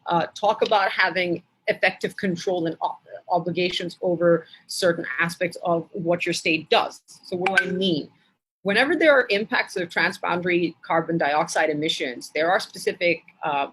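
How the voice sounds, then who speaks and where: A woman from Bangladesh giving an academic lecture in a measured way, with frequent hesitation fillers. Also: fairly low pitch, fairly bright tone, husky, low-quality recording.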